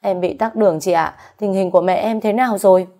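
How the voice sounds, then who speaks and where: A woman's voice: mid-range voice, quick pace, dark tone, close to an everyday voice. A woman voicing an anxious, loving young daughter who talks in a pleading, emotional way.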